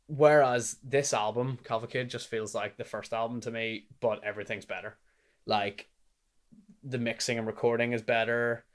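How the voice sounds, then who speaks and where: A young man with a Northern Irish accent, chatting casually about albums he has listened to, rambling and animated with lots of fillers. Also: mid-range voice, clear, resonant tone. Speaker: music reviewer. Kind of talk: casual chat.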